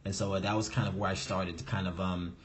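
Relaxed young man answering interview questions. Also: low voice, fast, a little hiss or hum. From United States. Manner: relaxed, explanatory, many "you know"s. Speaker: guest, real estate investor. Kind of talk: interview answers on a video call. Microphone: video call.

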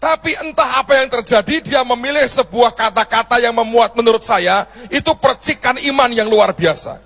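A man's voice: extremely high pitch, normal speed, fairly bright tone, big-room sound. A man preaching a sermon as a pastor, telling a story and acting out its dialogue in changing voices.

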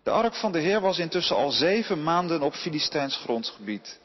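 A man reading a Bible passage aloud at a steady pace, now and then correcting a slipped word. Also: on the high side, normal speed, in a large hall, lo-fi sound. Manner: steady reading with occasional slips and self-corrections. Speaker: scripture reader.

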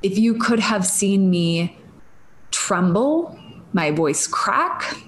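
Speaking extremely slowly yet animated, this woman in her thirties hosts a solo podcast in a Minnesotan accent, being from Minnesota. Her medium-pitched monologue is casual, rambling and stream-of-consciousness, punctuated by laughing asides. The audio quality is poor.

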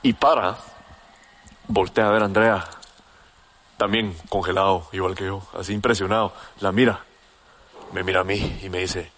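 A young man telling a story in casual, slangy chat, animated and full of restarts. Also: sits low, moderate pace, pauses often.

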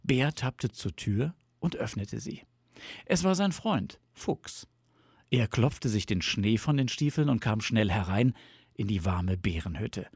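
A man reading a storybook aloud in a soft, lulling narration. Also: fairly low pitch, lively intonation, unhurried, breathy edge, no echo, clean studio sound. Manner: soft, lulling with sound words.

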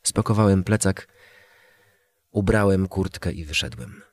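A man's voice: deep voice, measured pace. A man narrating a first-person story in a plain, matter-of-fact way.

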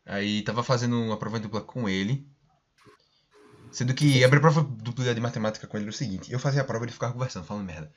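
A young man spins a story at a quick clip, slangy and lively, playing out what everyone said. The recording sounds dull and lo-fi. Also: medium pitch, slight background noise. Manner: animated storyteller, slangy, acts out quoted lines. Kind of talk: casual storytelling chat.

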